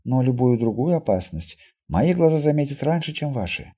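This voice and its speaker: Man voicing a soft-spoken mutant girl. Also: mid-range voice, sing-song, normal speed, breathy edge. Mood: earnest. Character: young mutant woman with red eyes, calm and earnest.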